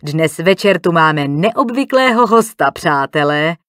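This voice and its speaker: A woman reading an audiobook, voicing a showy, confident wealthy man hosting a dinner party, announcing in a booming, theatrical way. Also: expressive, fairly bright tone, no room sound, clean studio sound.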